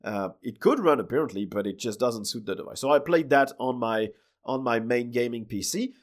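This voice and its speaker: Hoarse French man hosting a podcast. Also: on the high side. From France. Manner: chatty, loose, trails off with fillers. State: hoarse, sick voice. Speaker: podcast host. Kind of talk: solo tech news podcast.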